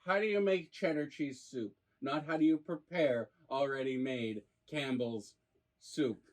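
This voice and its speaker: A man's voice: medium pitch, a little slow, rough recording. Man in casual, playfully incredulous chat. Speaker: food review show host.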